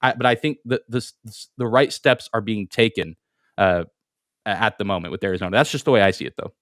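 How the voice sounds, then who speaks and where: This sports podcast co-host has a low-leaning, fairly bright voice and a brisk delivery, captured dry at studio quality. He hedges in casual conversation and frequently repeats the words that open his phrases while thinking aloud.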